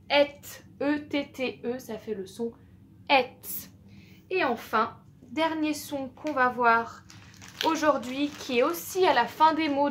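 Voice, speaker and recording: Lady teacher with a high-ish voice, super slow spelling drills, bit of faint hiss. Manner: slow, patient, spells out letters and drills sounds. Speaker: primary school teacher. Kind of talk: phonics lesson for young children.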